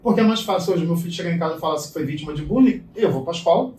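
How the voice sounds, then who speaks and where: A man's voice: a little high, racing. A middle-aged man, a guest speaker, telling stories in conversation and acting out the dialogue. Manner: animated storyteller, acts out dialogue. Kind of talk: storytelling conversation. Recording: echoey room, distant mic, faint noise.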